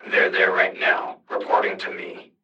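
A stern, clipped commander speaks over a radio link, as a male narrator puts him on. The voice is low, flat and bright-edged, and it sounds distant and thin, as if coming through a speaker. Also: moderate pace, dull audio, a little hiss or hum. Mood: reporting.

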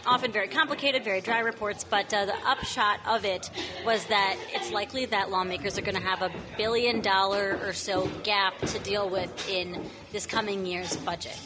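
A woman's voice: medium pitch, fairly even intonation, moderate pace, over music. A woman hosting a casual political news podcast, chatty, leading the talk with plenty of ums and restarts. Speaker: podcast host.

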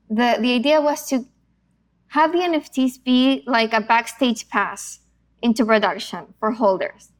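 A woman from Chile, guest in an interview, explaining her project at length with many "you know" and "um" fillers. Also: fairly high pitch. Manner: fluent and explanatory, with frequent fillers. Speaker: author and executive producer. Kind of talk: interview answer.

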